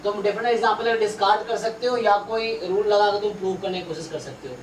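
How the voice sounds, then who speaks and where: A man's voice: sits high, fast talker. A man teaching a math exam-prep class, thinking aloud and repeating himself as he works through problems. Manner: explains in mixed Hindi and English, thinks aloud, repeats himself. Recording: roomy, distant mic with faint noise.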